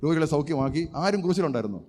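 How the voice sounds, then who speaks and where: Fast-preaching pastor man in an echoing hall. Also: a little high, animated. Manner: emphatic preaching with rhetorical questions and loud cries of praise. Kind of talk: sermon. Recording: long hall reverb.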